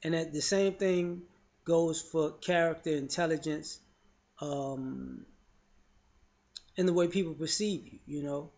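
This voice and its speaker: A man's voice: fairly high pitch, steady tone, takes it slowly, creaky, pauses often, a little mellow. Frank man talking, dull lo-fi sound. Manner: loose, frank, repeats "you know" and restarts often. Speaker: vlogger sharing opinions. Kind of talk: casual spoken commentary. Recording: dull lo-fi audio.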